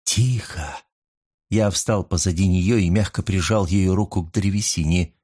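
A man reading a first-person novel aloud with a hushed, intimate, drawn-out delivery. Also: low-pitched, steady tone. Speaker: audiobook narrator.

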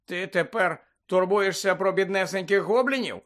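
A man's voice: high voice, normal speed, fairly bright tone, pitched above the performer's own voice. A man reading aloud voicing a sarcastic, joking teenage boy. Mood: teasing. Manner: teasing, sarcastic.

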